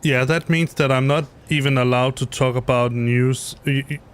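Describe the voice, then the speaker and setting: A clear, resonant medium-pitched voice belongs to a middle-aged Danish man flying a simulator on a live stream from his home basement. He talks at normal speed in a steady tone, with a Danish accent, rambling, filling pauses and correcting himself as he goes.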